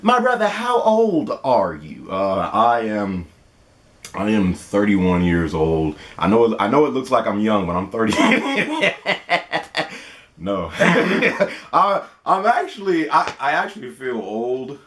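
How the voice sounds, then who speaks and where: A man's voice: medium pitch, very animated, slow, a bit bright. A man in his twenties hosting a casual question-and-answer vlog, playful and laughing often. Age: 20s. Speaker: gaming channel host.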